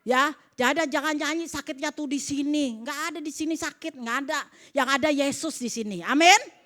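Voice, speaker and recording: Woman pastor, high voice, animated church sermon with calls for amen. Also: normal speed. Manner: animated preaching, calls for amens, acts out dialogue. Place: church service.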